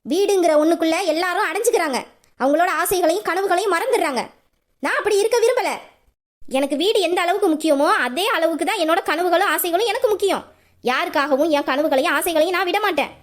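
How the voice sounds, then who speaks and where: A headstrong young woman argues back with forceful speeches, as a woman plays her. Her voice is very high and she talks briskly. It is a home audio drama. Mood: defiant. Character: headstrong young working woman, defiant daughter.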